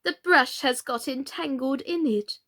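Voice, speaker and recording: A woman's voice: high voice, unhurried, fairly bright tone, voice pushed up. A woman voicing a flustered, helpless, melancholy storybook queen who groans, sighs and speaks emphatically. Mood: melancholy, fretful. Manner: groaning, sighing, dotty, emphatic delivery.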